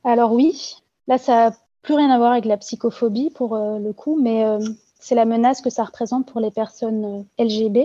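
A woman gives anonymous testimony in an interview, speaking earnestly with many hesitations, fillers and restarts. Her voice is fairly high, warm and steady at a moderate pace, though the audio sounds dull.

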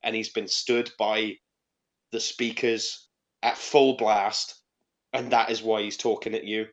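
A man's voice: on the low side, level tone, slow. A British man in his thirties hosting a casual podcast, teasing his co-hosts with crude, mocking jokes. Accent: British English. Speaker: podcast host.

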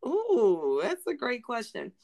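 Lively high-voiced woman chatting. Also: slow. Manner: animated, laughing, acts out quoted voices. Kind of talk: casual chat.

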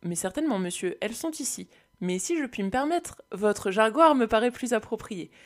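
A man's voice: sits high, expressive, normal speed. A woman reading aloud and voicing a polite, unflappable male butler. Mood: formal. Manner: polite, formal.

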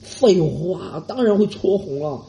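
A man with a high-pitched, creaky voice hosts a comedy podcast at a measured pace, and a little hiss or hum can be heard. His casual, joking monologue is animated, carries a Mandarin Chinese accent, mixes in English phrases, and includes mocking voices.

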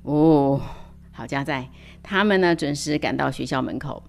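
A woman reading a picture book aloud to children, animated, with playful sound words and hushed asides. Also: extremely low pitch, normal speed, vocal fry. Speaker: storyteller. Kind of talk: storybook read-aloud for children.

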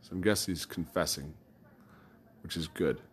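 A man's voice: low voice, normal speed, slight background noise. A man talking casually in a loose, rambling monologue, cursing and chuckling as he recounts things. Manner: loose storytelling with swearing and laughs.

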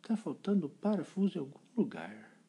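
Puzzled housewife musing aloud, lively pitch, a man voicing her. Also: moderate pace, breathy edge, heavily acted. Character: puzzled housewife sweeping, a woman.

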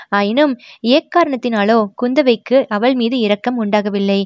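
A woman narrating a historical novel chapter in measured, clear storytelling. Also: fairly high pitch, dry recording, clean studio sound. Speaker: audiobook narrator.

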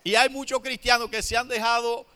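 A man delivers a sermon in a high, bright, very clear voice, though his delivery is flat. He slows down to stress his points and answers his own questions.

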